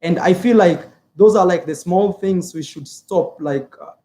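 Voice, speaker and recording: Earnest high-voiced man from Africa. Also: unhurried, mellow. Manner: earnest, repeats phrases, many filler words. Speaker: YouTuber. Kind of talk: casual opinion vlog, reading viewer comments.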